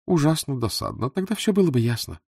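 A man's voice: mid-range voice, very animated, fast talker, vocal fry, a little mellow, breathy edge, no echo, clean studio sound, pitched above the performer's own voice, exaggerated voice. A man reading the part of a young married woman who speaks to an old suitor in a cool, distant, politely dismissive way.

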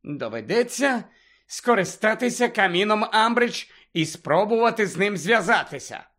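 A man's voice: high-pitched, sing-song, normal speed, pushed and bright, voice pushed up, full character voice. A man reading the part of an anxious, insistent teenage girl who hisses and pleads in a storybook. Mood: worried. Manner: hissing, pleading.

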